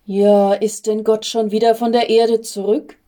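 A woman's voice: on the high side, level tone, a little slow, dark tone, close to an everyday voice. A woman voicing an anxious, tender-hearted young male angel in a storybook reading, with a fretful, pleading manner. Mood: puzzled.

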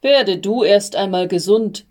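A woman voicing a patient male archangel in a storybook reading, with a calm, measured, reassuring manner. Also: mid-range voice, close to an everyday voice.

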